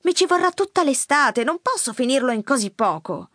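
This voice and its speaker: A woman's voice: sits high, sing-song, normal speed, a bit bright, no echo, studio quality, pitched above the performer's own voice, heavily acted. A woman voicing a teenage girl who asks anxious, insistent questions in an audiobook. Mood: anxious questioning. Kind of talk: audiobook character voice.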